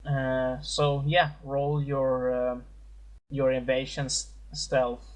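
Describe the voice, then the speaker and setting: A man narrating as game master in a casual tabletop session, speaking haltingly with many fillers and restarts. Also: mid-range voice, flat delivery.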